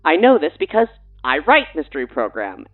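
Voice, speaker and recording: A showrunner and writer guests on a mock radio show, tossing out casual promotional banter in a breezy, pushy, playful way. Her voice sits low and sing-song at normal speed, and the audio is narrow and tinny.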